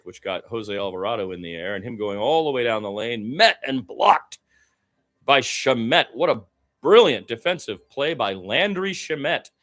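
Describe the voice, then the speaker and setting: A man calls a basketball game live on radio, giving informal, opinionated, mildly profane play-by-play. He swings between low-key asides and excited calls.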